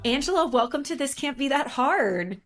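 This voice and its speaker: A woman's voice: sits high, lively intonation, normal speed, fairly bright tone, faint music behind. A woman with a scratchy voice co-hosting a podcast, interviewing in a chatty, friendly way. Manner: chatty, friendly, lots of fillers.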